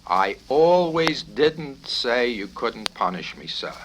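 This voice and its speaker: A man's voice: mid-range voice, big pitch swings, takes it slowly, pitched above the performer's own voice. A man reading a satirical novel, voicing an earnest, literal-minded young cadet who answers in an apologetic, deferential way. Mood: flustered, apologetic. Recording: noisy 1970s vinyl record with clicks.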